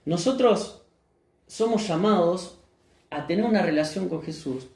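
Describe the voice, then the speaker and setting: A man's voice: high-pitched, expressive, measured pace, darkish tone, roomy sound. A man with a Rioplatense Spanish accent preaching a sermon as pastor, often putting questions to the congregation and answering them himself. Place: church hall.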